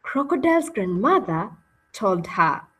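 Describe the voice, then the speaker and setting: A woman with a medium-pitched, somewhat bright, husky voice speaks very animatedly at a measured pace. Over a video call she hosts an interactive read-aloud webinar, narrating the story while encouraging listeners and often checking in.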